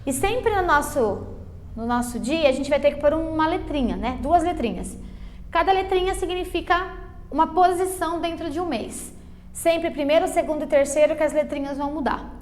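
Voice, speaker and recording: A Brazilian woman with a Brazilian Portuguese accent, an English teacher giving a beginners' lesson, explaining slowly and checking in with "ok?" and "tá?" after each point. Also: high voice, animated. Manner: patient, drawn-out explanations full of diminutives and check-ins like "ok?".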